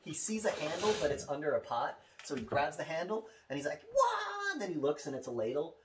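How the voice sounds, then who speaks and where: A man casually and eagerly pitching a movie idea in comic banter, swearing and acting out bits. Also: expressive, fast talker, far from the mic. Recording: off-mic, background noise.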